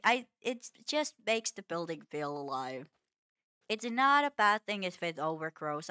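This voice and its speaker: A woman streamer giving casual gameplay commentary, musing aloud in a soft, self-mocking way and often tripping over and repeating her words. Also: medium pitch, no room sound, studio quality.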